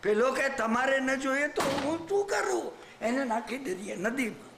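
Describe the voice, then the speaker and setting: Older guy preaching a story, really high bright voice, echoey room with light hiss. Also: animated, a little slow, vocal fry. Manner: keeps asking the audience if they understand. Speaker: Jain preacher. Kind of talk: sermon storytelling. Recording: roomy hall with faint hiss.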